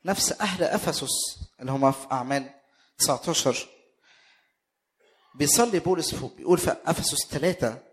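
A man preaching a sermon with an Egyptian accent, emphatic and full of rhetorical questions, his voice swelling into loud bursts. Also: a little high, a little fast, pauses often. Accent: Egyptian Arabic.

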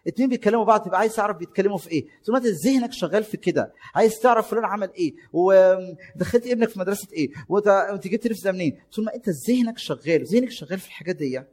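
Fast-talking husky Egyptian preacher. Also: male voice, high voice, animated, a little mellow. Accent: Egyptian Arabic. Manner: exhorting, rhetorical questions, varied emphasis. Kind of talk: sermon.

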